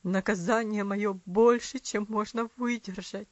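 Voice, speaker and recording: A woman voicing a grief-stricken father whose voice comes out hoarse and choked. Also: medium pitch, steady tone, unhurried, dry recording, muffled recording, voice pushed down, natural voice. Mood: anguished.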